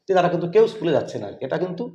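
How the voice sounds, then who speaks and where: A man's voice: fairly high pitch, sing-song, rapid-fire, dark tone. A man interviewing as podcast host, talking in a rambling way with many fillers. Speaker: interviewer, teacher. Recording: echoey, dull lo-fi room.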